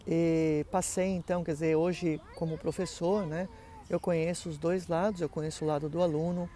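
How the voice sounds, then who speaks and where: A middle-aged man whose first language is Portuguese teaches German and explains how his online courses work, talking conversationally with lots of fillers and tag questions. His voice is fairly high-pitched but dark in tone, level and at normal speed.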